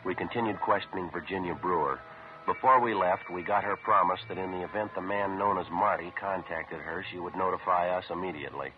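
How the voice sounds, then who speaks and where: An actor playing a terse, businesslike police sergeant in an old radio crime drama, narrating and questioning in clipped, deadpan, matter-of-fact style. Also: male voice, deep voice, noisy background, lightly acted. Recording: old muffled radio recording with music.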